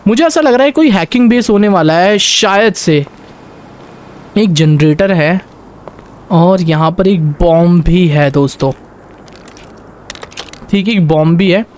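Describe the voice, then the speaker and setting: Excitable young man narrating gameplay. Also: high voice, unhurried, long pauses. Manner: excitable, talks to viewers, barks orders in role. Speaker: gameplay commentator. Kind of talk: Hindi gameplay commentary with English words.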